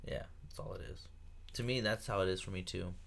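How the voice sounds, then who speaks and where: A man's voice: low-pitched, fairly even intonation, fairly quick, gravelly, fairly bright tone. A man in his twenties co-hosting a podcast, casual chat with short interjections and swearing. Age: 20s. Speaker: podcast co-host.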